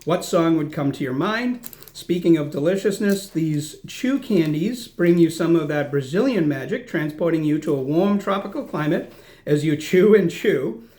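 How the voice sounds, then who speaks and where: A man's voice: on the high side, lively intonation, normal speed, a little mellow. A man hosting a snack tasting video, reading out product notes and chatting as he chews. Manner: self-deprecating, chatty, chews while talking.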